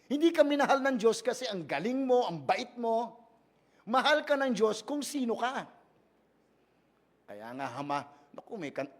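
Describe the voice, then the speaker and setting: A man with a Filipino accent, a pastor giving a playful, conversational sermon and often checking in with the congregation. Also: very high voice. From Philippines. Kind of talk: conversational sermon mixing Tagalog and English.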